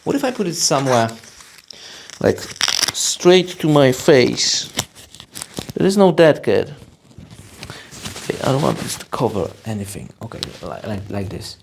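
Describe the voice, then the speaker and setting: A vlogger casually testing a wireless microphone, repeating test phrases and sometimes half-shouting, while uneven auto gain makes the loudness jump up and down. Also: mid-range voice, big pitch swings, measured pace, creaky, long pauses, background noise. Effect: uneven auto gain, loudness jumping up and down. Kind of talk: casual unboxing and gear test.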